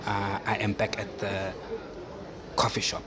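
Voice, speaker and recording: A man's voice: on the low side, completely flat delivery, unhurried, over a noisy crowd. A man hosting a podcast, asking questions with many hesitant "uh" fillers. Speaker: podcast host. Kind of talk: casual interview. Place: coffee shop. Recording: loud coffee shop noise.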